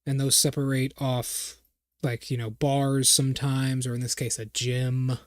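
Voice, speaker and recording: A man's voice: mid-range voice, level tone, a little slow, no room sound. Rambling male game master, dry sound. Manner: rambling, searching for words. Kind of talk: narrating a tabletop game.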